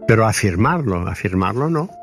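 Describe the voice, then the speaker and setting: A man gives a slow, earnest spiritual talk, explaining his ideas deliberately. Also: on the low side, sing-song, over loud music. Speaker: spiritual speaker.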